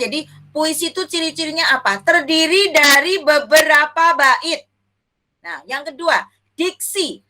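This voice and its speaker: Bright-voiced young woman teaching children. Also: sits high. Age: young adult. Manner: affectionate, calls pupils dear, asks and answers her own questions. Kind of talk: elementary classroom teaching.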